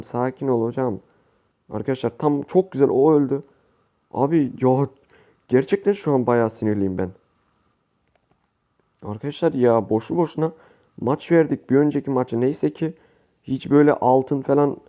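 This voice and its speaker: A man giving casual, excitable gameplay commentary as a gaming YouTuber, slangy and quick to plead with or curse at his teammates. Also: medium pitch. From Turkey.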